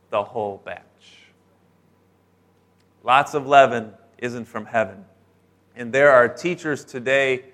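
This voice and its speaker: A middle-aged man preaching a sermon, telling stories in a lively way and acting out the voices of the people in them. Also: mid-range voice. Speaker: pastor.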